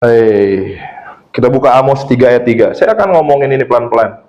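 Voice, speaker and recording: Fairly quick and medium-pitched, a male pastor's sermon comes through with lo-fi sound quality. His storytelling is lively and punctuated by laughter, and he mixes English phrases into his church talk.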